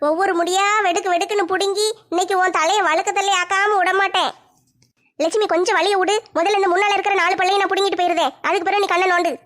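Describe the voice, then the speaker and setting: A woman's voice: very high-pitched, fairly even intonation, fast talker, a bit bright, pitched below the performer's own voice. A woman voicing a fierce village woman who taunts and threatens a rival. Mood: menacing. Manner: threatening, taunting, vicious relish. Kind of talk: one-woman comic skit.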